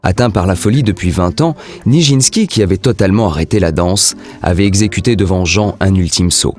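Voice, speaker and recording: Low-voiced male documentary narrator. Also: brisk, soft background music. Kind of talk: scripted narration.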